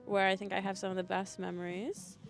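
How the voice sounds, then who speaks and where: A young adult woman from Europe, mainly Switzerland, Belgium and Scandinavia, tells stories casually as a podcast guest. She's chatty and self-deprecating, speaking fairly quickly at medium pitch with a level tone. Soft music plays in the background.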